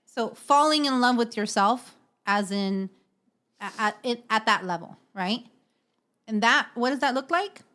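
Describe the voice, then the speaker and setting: A woman's voice: on the high side, measured pace, fairly bright tone. A woman co-hosting a podcast in casual chat, explaining earnestly at length and often checking in with "right?". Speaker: podcast co-host.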